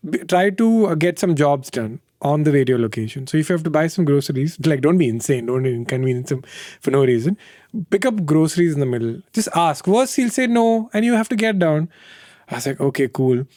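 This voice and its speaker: A man's voice: medium pitch, lively intonation, fast, mellow, dry recording, studio quality. A man in his thirties with an Indian English accent, telling candid stories in an interview, acting out quoted voices and laughing often. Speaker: interview guest. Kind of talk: candid conversational storytelling.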